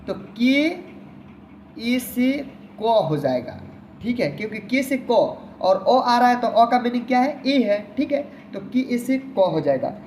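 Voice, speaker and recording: Slow, patient male teacher. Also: very high voice, sing-song, darkish tone, slight background noise. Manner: patient, repeats words slowly, often says "my friend". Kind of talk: online language lesson.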